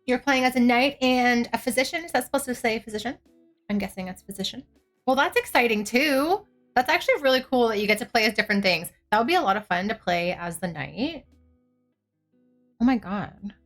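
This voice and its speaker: A woman's voice: a little high, expressive, a little fast, a bit bright, faint music behind. A woman from Canada live streaming, chatting casually with viewers in a cute, bubbly anime-streamer manner. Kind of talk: casual livestream chat with viewers.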